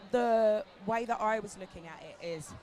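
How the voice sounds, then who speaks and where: A hoarse British agency founder in her forties, her voice nearly lost from talking, chats candidly and animatedly on an outdoor festival panel, swearing casually. She speaks at medium pitch and normal speed, and crowd noise runs behind the live recording.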